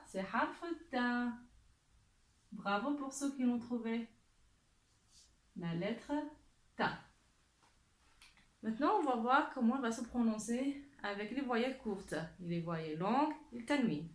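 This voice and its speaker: Slow, patient woman teaching letters. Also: medium pitch. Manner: slow, drawn-out modeling of words. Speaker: Arabic teacher. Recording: echoey room.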